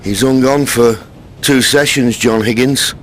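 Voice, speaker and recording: A man giving hushed, measured live snooker commentary in short phrases. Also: medium pitch, steady tone. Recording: crowd ambience and faint noise. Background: snooker arena audience.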